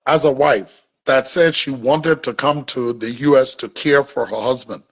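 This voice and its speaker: Husky Liberian man, halting and insistent. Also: medium pitch. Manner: halting restarts, repeats words while building an argument. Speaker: interview guest. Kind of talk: remote interview, defending his account. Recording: dull lo-fi audio.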